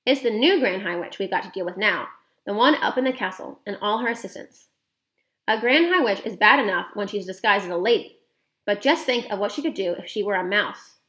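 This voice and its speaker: A woman voicing a feisty, forceful old grandmother. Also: medium pitch, expressive, fairly quick, natural voice. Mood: determined. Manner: forceful, emphatic. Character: bold, feisty old grandmother witch hunter.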